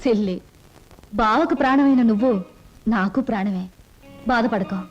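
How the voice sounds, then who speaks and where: Young woman as proud departing heroine, high voice, dramatic, music behind. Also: normal speed, muffled recording, lightly acted. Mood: emotional. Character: proud young woman about to leave home. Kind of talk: Telugu film drama acting. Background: film score.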